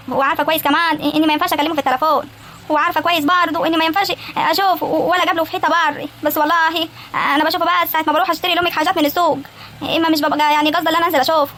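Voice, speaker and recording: A woman's voice: sits high, sharp tone, a little hiss or hum. A woman with an Egyptian accent voicing a shy, frightened young village girl in a cartoon, hesitant and pleading. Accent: Egyptian Arabic. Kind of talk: animated cartoon acting.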